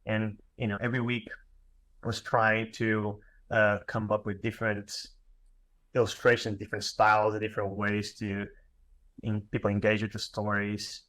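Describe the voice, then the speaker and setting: A man's voice: on the low side, monotone, fairly bright tone, poor audio. A man in his thirties from Portugal with a Portuguese accent, giving an online lecture in English with many fillers and restarts. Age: 30s. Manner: halting, many fillers and restarts, self-deprecating. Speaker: graphic designer giving a lecture.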